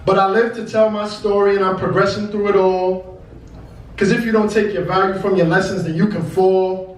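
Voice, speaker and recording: A man's voice: high voice, fairly even intonation, moderate pace. A young man from Brooklyn, New York performs a poetry reading as rhymed, rhythmic spoken word with emphatic cadence. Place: indoor cafe stage before an audience. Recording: echoey live venue, distant mic, faint noise.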